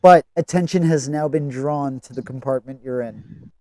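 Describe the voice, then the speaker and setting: A man serving as game master and narrating a tabletop game, deliberate and focused on the rules. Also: mid-range voice, a little mellow, no room sound.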